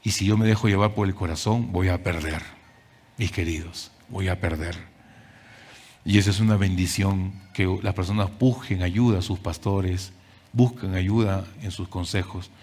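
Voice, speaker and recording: A man preaching a sermon as pastor, emphatic and deliberate, repeating key phrases and addressing the congregation directly. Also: sits low, fairly even intonation, darkish tone. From Peru. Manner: deliberate delivery with climbing emphasis in lists.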